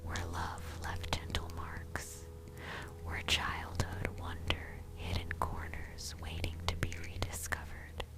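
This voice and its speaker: A narrator whispering a scripted ASMR bedtime story in a hushed, soothing, unvoiced way, addressing the listener directly. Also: sits low, completely flat delivery. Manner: slow, hushed, soothing second-person storytelling. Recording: clear music bed under whisper. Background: music.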